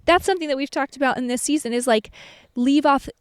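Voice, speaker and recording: A woman's voice: sits high, fast talker, no room sound. A woman in her twenties, co-hosting a podcast and talking in an earnest, candid, chatty way. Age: 20s. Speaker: podcast co-host. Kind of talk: casual chat.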